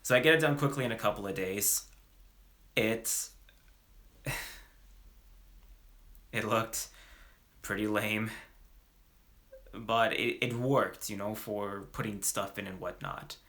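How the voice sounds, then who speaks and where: Man acting young ex-dealer, remorseful, hesitant, slangy, lowish voice, tense bright tone, dramatic monologue. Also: takes it slowly, pauses often. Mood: reminiscing. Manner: hesitant, slangy, full of fillers and restarts. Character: young male ex-drug dealer, slacker gone remorseful. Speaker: actor.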